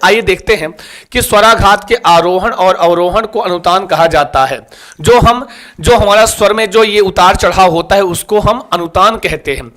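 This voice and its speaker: During a live online class for exam preparation, a man quizzes students and repeatedly coaxes them to like and share. His voice sits high with a slightly bright tone.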